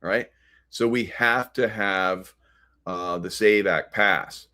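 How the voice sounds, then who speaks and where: An American man with a low voice hosts political commentary in an unscripted, halting, rambling way. His tone comes across as pushed and bright.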